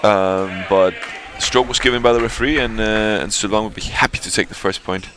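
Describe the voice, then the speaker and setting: A man giving calm, analytical co-commentary on a racket sport, hesitant at times. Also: lowish voice. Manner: measured, analytical, hesitant with fillers. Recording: noisy background.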